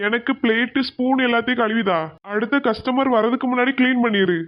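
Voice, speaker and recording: A man's voice: extremely high pitch, steady tone, fairly quick, lo-fi sound. A man voicing a stern, threatening sweet-shop owner in a cartoon, scolding and bossy.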